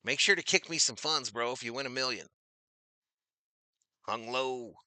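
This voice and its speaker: Male stream host calling baseball plays and greeting chat, tense bright tone, dead-dry mic. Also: medium pitch, moderate pace, no room sound. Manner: chatty, reads out viewer names, loud on big plays. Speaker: streamer doing play-by-play. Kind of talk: casual live-stream baseball commentary.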